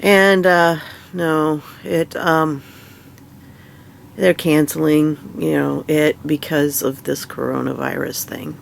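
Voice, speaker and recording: A tired woman with a stuffy nose, half awake and chatting casually in a rambling, halting way. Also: deep voice, flat delivery, vocal fry, a little hiss or hum. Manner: rambling, halting, many fillers and restarts. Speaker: vlogger. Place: in bed at home.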